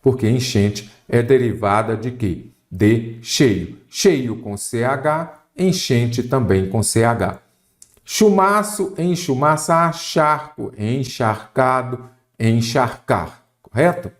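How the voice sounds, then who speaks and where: A man's voice: mid-range voice, animated, slow pace. A man with a Brazilian Portuguese accent explains grammar rules for an exam course. He keeps asking the class questions and answering them himself, in a mid-range voice. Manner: didactic, asks and answers his own questions. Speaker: exam prep teacher. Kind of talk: grammar lesson with rhetorical questions.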